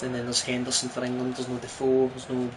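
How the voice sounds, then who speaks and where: A man's voice: mid-range voice, completely flat delivery, fast talker. A man with a broad Scottish accent, chattily commentating on a football video game with exclamatory, partisan reactions. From Scotland. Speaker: gaming streamer. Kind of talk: live football game commentary, casual chat. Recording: noisy stream with game sound behind. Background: football video game crowd and commentary.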